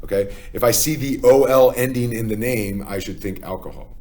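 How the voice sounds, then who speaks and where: A man's voice: medium pitch, normal speed, dark tone. A man with a Philadelphia accent, teaching a chemistry lesson step by step and often checking in with "okay?". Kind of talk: classroom lecture.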